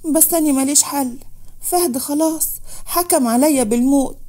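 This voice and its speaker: A woman's voice: sits high, quick pace, warm tone, pitched above the performer's own voice, close to an everyday voice. Woman voicing a sobbing desperate young woman. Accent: Egyptian. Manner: tearful, pleading.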